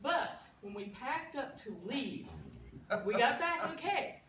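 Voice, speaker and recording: A woman with a drawl tells a party story, laughing as she goes, her voice bright and a touch high. She sounds distant in an echoey room. It is a casual, lively toast. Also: slow pace, slight background noise. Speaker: party guest giving a toast. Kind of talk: storytelling speech.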